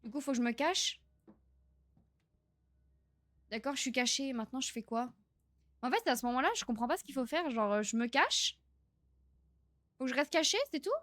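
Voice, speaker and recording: A young woman streaming a horror game live, excitable, swearing and laughing as she chats with her viewers. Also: sits high, a little fast, no echo. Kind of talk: live gameplay commentary.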